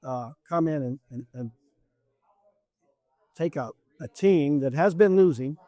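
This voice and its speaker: Emphatic lecturing man, higher voice. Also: unhurried, mellow, dry recording. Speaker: political candidate. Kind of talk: campaign interview.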